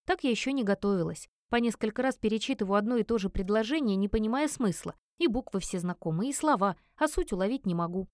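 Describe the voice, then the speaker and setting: A woman narrates a novel in the first person, her delivery expressive and full of feeling. Her voice sits at an ordinary middle pitch, and the recording is dry and close with no room echo. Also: fast, hardly any pauses. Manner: expressive, emotive storytelling. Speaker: audiobook narrator.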